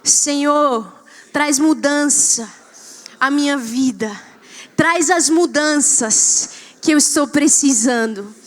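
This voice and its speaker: A woman's voice: high-pitched, slow pace. A young pregnant woman from Colombia, preaching as a guest pastor in a church. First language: Spanish. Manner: warm, laughing, builds to loud preaching. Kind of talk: sermon. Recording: church hall reverb.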